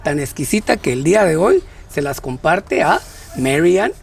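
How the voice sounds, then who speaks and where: A man's voice: fairly high pitch, animated, moderate pace, vocal fry, a little hiss or hum. A man from Guatemala co-hosting a casual talk show, playful and joking, rambling with many restarts. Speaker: co-host.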